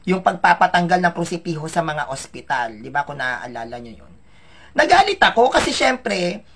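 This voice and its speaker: Man, casual vlogger, gravelly texture, chatty and emotional, speaks straight to viewers. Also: on the high side, sing-song, normal speed, fairly bright tone. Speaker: vlogger telling his life story. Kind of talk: casual personal storytelling.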